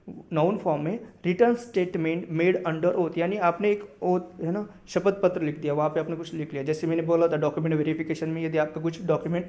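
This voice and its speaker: A young Indian man teaching vocabulary, reading English sentences slowly and then explaining them in quick conversational talk, often checking in with "right?". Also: on the high side, dark tone. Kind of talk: explaining lesson in Hindi and English.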